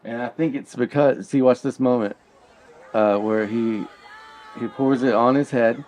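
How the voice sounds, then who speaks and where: A man's voice: mid-range voice, fairly even intonation, a little slow, a little mellow, some chatter behind, slight background noise. A man with kids, co-hosting a casual comedic chat, joking around playfully. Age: adult with kids. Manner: joking, playful, acts out silly voices.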